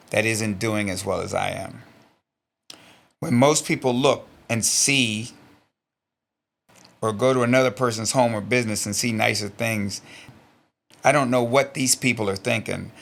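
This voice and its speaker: A middle-aged stunt performer with a fairly low, creaky voice and a fairly bright tone is interviewed. He reads from an old journal, then talks about it bluntly and earnestly, swearing freely and sounding emotional, close to tears.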